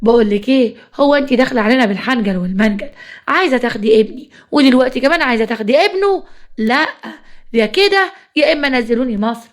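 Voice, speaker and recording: A woman's voice: a little high, expressive, fast, close to an everyday voice. A woman voicing a domineering, possessive widowed mother-in-law who scolds and gives orders, with an Egyptian accent. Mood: scolding. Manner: bossy, scolding.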